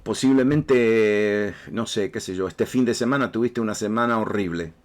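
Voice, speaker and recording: A man's voice: lowish voice, normal speed. A man preaching a sermon in a Rioplatense Spanish accent, talking straight to the congregation and often repeating his words. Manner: conversational, repeats words, speaks directly to listeners. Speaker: pastor.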